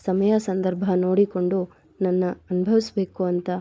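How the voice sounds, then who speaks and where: Woman reading as a tearful young woman in a storybook, soft and choked, lowish voice. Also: level tone, moderate pace, no room sound, close to an everyday voice.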